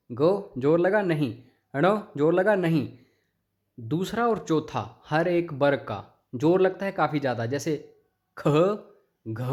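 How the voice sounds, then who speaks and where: A man's voice: fairly high pitch, darkish tone. A young man teaching an exam-prep grammar lesson, explaining each answer step by step and addressing viewers as friends.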